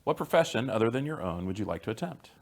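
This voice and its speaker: A man hosting a podcast, asking rapid interview questions with upbeat, short interjections. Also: mid-range voice, big pitch swings, vocal fry. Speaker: podcast host. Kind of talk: quick-fire interview questions.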